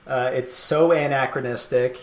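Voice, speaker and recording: A man hosts a casual podcast chat, thinking out loud with plenty of fillers and the odd laugh. His voice sits at an ordinary pitch. It carries a roomy echo from the space around him. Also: fairly even intonation, normal speed. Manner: rambling, thoughtful, laughs often. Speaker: podcast host.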